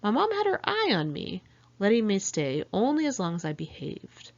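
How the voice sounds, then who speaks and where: A middle-aged woman from California tells her life story in first-person audiobook narration, frank and wry with sardonic asides. Her mid-range voice moves at a moderate pace with huge pitch swings, and the recording is muffled.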